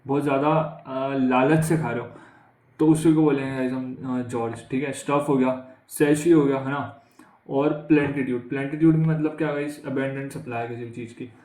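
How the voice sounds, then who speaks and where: A man's voice: medium pitch, steady tone, fairly quick, a little mellow, roomy sound, low-quality recording. A man teaching English vocabulary for exams in a chatty way, with an Indian accent, often asking the class questions and calling them "guys". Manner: conversational, repeats questions to students, says "guys". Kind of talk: exam vocabulary lesson.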